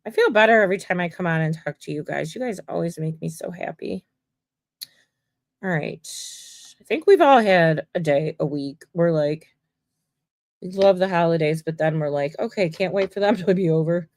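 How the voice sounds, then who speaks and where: A woman's voice: fairly low pitch, lively intonation, moderate pace, darkish tone, no echo, studio quality. A woman mosaic artist hosting a livestream, chatting casually and rambling to viewers while she works. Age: adult. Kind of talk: casual chat while crafting.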